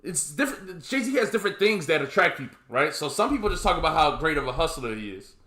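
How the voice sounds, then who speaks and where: A man rambles through a casual podcast chat, restarting his sentences and tacking "man" onto his lines. His voice sits a little high and bright. The room around him is noticeably echoey. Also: very animated, quick pace. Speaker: podcast co-host.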